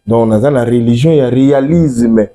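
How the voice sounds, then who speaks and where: A man from the Democratic Republic of the Congo, with a Congolese accent, explains his religion as an interview guest, mixing French and Lingala and restating key words. His voice is mellow and medium-pitched, and he speaks a little fast.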